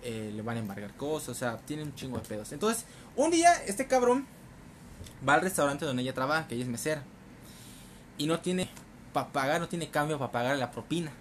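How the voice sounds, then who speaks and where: A man's voice: fairly high pitch, a little fast, slight background noise. A man with a Mexican Spanish accent, co-hosting a casual chat and animatedly retelling movie plots with slang. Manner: animated storyteller, acting out characters with swearing and laughter. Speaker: podcast co-host.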